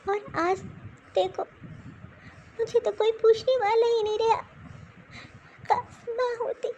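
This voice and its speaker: Woman playing a cartoon daughter-in-law, young, tearful, mournful, very high voice, slow. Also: steady tone, dark tone, highs cut off, a little hiss or hum. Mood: grieving. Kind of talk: cartoon voice acting.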